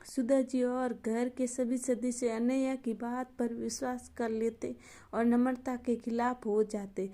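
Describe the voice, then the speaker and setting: A woman narrating a moral storybook tale in an even, unhurried scripted reading. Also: fairly high pitch.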